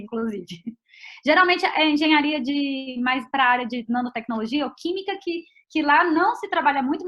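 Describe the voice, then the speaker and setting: Over dull, lo-fi video call audio, an invited Brazilian woman researcher chats her way through a casual online talk and Q&A. Her voice is high and a bit bright, with a Brazilian Portuguese accent, and she keeps adding little "tá?" and "né?" tags.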